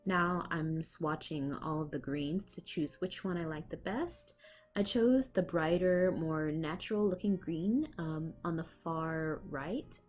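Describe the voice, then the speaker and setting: An art vlogger with a cold talks casually over her own speed-paint video, dropping fillers and little laughs, recorded at home on a laptop microphone. Her voice sits low and dark, and she speaks slowly with faint music in the background.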